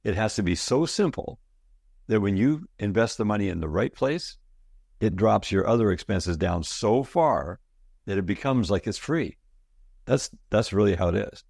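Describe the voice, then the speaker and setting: A man's voice: lowish voice, lively intonation, normal speed, gravelly, a little mellow, no echo, studio quality. A man in his sixties, a guest talking casually and enthusiastically in an interview, telling stories and often repeating words. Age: 60s. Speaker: guest, product founder.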